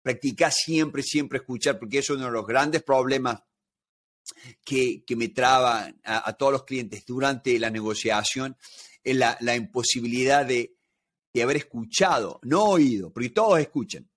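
A man's voice: mid-range voice, normal speed, fairly bright tone. A man with a Rioplatense Spanish accent, a negotiation expert talking as a guest in an interview and explaining his points through everyday examples. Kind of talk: conversational interview.

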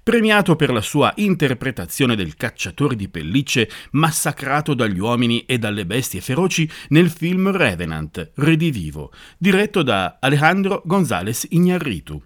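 A man's voice: medium pitch, sing-song, normal speed, hardly any pauses, a bit bright. A man narrating a scripted science podcast segment and posing rhetorical questions. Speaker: podcast host.

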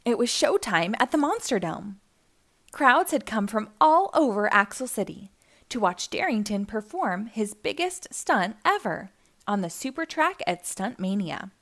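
Using a mid-range voice and an unhurried pace, a woman gives an expressive storytelling reading of a children's picture book.

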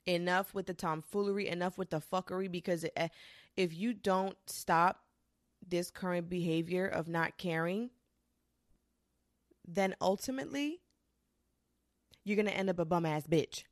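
A woman in her twenties talking casually and candidly to the camera, swearing freely and rushing through quick bursts. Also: fairly low pitch, no room sound, studio quality. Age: 20s. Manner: candid and profane, with frequent restarts and quick bursts. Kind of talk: casual confessional monologue.

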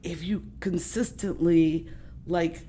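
A woman's voice: on the low side, fairly even intonation, takes it slowly, warm tone, breathy edge. A woman hosting a casual conversation, reflective and emphatic, asking rhetorical questions. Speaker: host.

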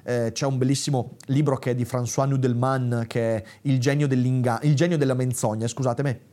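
A man's voice: mid-range voice, fairly even intonation, fairly quick, mellow. A man hosting a philosophy video, talking straight to viewers and correcting himself as he goes. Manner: speaks directly to viewers, corrects himself aloud; reads the text dramatically, raising his voice at the cries. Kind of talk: spoken lecture with a read-aloud passage.

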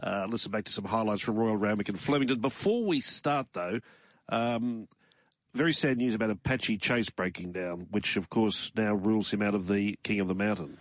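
A man with an Australian accent hosting a morning racing talk show from a studio in a measured, conversational way. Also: lowish voice, no room sound. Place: radio studio.

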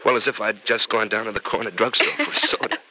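An actor playing a wry, tender young sweetheart in an old radio soap. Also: male voice, lowish voice, fast, sharp tone. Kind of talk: 1940s radio soap acting. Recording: noisy vintage radio recording.

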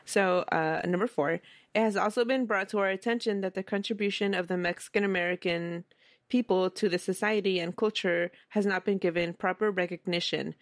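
This history podcast host speaks a little quickly in a mid-range voice with fairly even intonation, recorded cleanly in a studio without room sound. Her style is casual and conversational; she chuckles frequently and reads documents aloud as she narrates.

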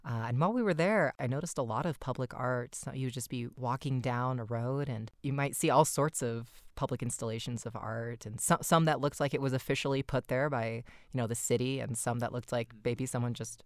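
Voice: mid-range voice, a little fast, hardly any pauses, no echo. Earnest podcast host, dry close mic. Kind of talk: scripted intro then interview questions.

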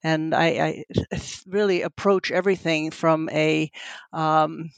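A middle-aged Italian-born woman, a neuroscientist who heads a lab, answers interview questions conversationally, earnest and thoughtful, often hunting for words. Her deep voice has vocal fry and fairly even intonation, and she speaks slowly. The recording is clean with no echo.

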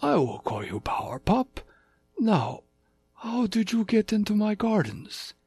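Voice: medium pitch, very animated, a little slow, darkish tone, husky, dry recording, faint music behind, voice pushed up, exaggerated voice. A storyteller voicing a patient, formal male tiger who is king of the cats, speaking politely without contractions.

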